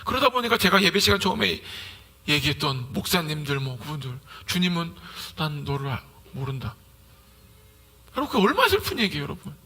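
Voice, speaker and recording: Animated, bright-voiced male preacher. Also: high voice. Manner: lively preaching, acting out conversations. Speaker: pastor. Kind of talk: sermon.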